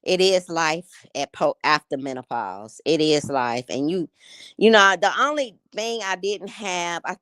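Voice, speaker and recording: Speaking with a Northern Indiana accent, a livestream host from Gary in her late fifties chats casually and laughs often with viewers. Her lowish, fairly bright voice is animated but measured, heard in clean studio sound without echo.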